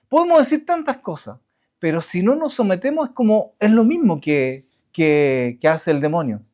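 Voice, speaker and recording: A man preaching a sermon to his congregation, halting with restarts and asking rhetorical questions. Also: high-pitched, a little mellow. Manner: halting, many restarts and fillers. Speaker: pastor.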